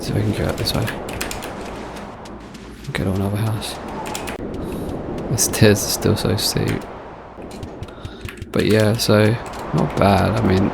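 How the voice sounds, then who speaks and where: A young man with a heavily gravelly, low voice talks casually over a screen recording as he plays, thinking aloud in a laid-back way. He speaks into a desk mic at his computer, and a clear noise hum sits under the voice. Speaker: channel host testing AI models.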